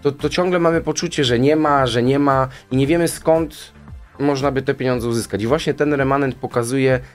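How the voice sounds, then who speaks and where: A man's voice: mid-range voice, steady tone, moderate pace, soft background music. A man as a guest in a radio studio, explaining finances at length in a rambling way, often ending with a question tag. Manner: rambling, tags statements with "nie?". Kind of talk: radio interview answers. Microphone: studio boom mic.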